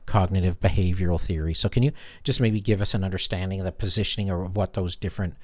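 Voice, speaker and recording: A man's voice: low voice, fairly even intonation, quick pace, dry recording. A man hosting an interview, asking long, rambling questions with frequent hesitations. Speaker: host.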